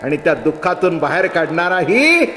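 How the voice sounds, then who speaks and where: An older man voicing a calm, gently teasing cowherd god within a devotional sermon story, speaking in a knowing, instructive way. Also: on the high side, moderate pace, a little hiss or hum.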